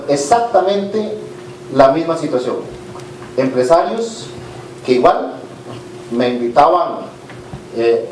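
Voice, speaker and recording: A middle-aged Costa Rican businessman talks to a conference audience in an informal, candid way, often pausing on "eh". His voice sits a little high and reaches the mic from a distance. The hall rings with echo and there is a faint hiss behind him. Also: darkish tone. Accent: Costa Rican Spanish. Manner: informal and candid, frequent "eh" fillers and restarts. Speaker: business leader giving a conference talk. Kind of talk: conversational speech to an audience.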